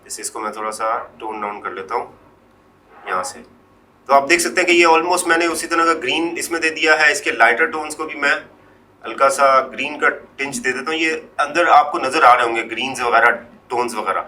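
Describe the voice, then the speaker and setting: A man presenting a screen-recorded Photoshop tutorial, explaining step by step in an unhurried way, often trailing off quietly and mixing English words into his Hindi. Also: medium pitch.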